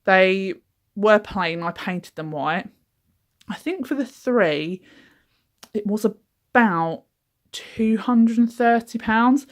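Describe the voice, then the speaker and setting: A young woman giving a chatty, relaxed tour of her small craft cabin, with frequent ums. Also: medium pitch. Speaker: craft business owner giving a workshop tour. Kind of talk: casual walkthrough.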